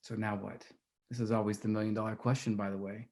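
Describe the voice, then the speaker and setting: A man's voice: fairly low pitch, fast talker. A middle-aged man who referees gives a motivational talk, acting out what he tells captains and coaches. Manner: animated, acts out his own lines to captains and coaches. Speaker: referee speaker.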